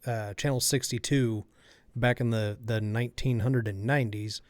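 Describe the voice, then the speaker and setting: A man co-hosting a podcast, telling a relaxed story with lots of fillers. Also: mid-range voice, moderate pace, dry recording. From Kansas City area. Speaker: podcast co-host. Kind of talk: casual chat.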